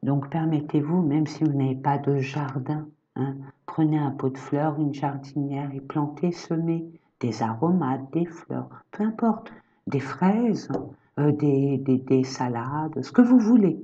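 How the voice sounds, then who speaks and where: A low, mellow-voiced woman talks slowly and gently, reassuring her viewers during a spiritual horoscope reading. She is affectionate and calls them her friends. The sound is slightly muffled and lo-fi. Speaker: energy therapist and medium giving horoscope readings.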